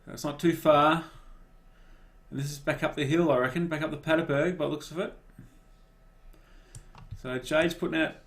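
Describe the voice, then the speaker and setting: A man giving relaxed, casual live commentary on a cycling race and cheering riders on by name. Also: a little high, normal speed, pauses often.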